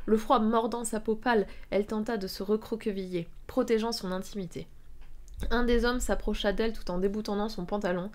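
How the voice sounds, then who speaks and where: A woman reading an amateur story aloud on a live stream, at a mid pitch for her. She keeps stopping to mock the text with dry, sarcastic asides. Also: fairly even intonation, a little fast, a little mellow. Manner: reads with frequent sarcastic asides and laughs.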